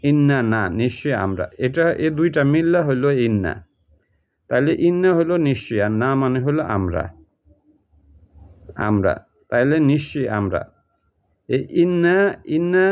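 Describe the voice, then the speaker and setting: A man teaching Quran translation, explaining each word step by step and repeating it. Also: mid-range voice. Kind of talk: recorded lesson explaining Arabic word by word. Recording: tinny phone-like audio.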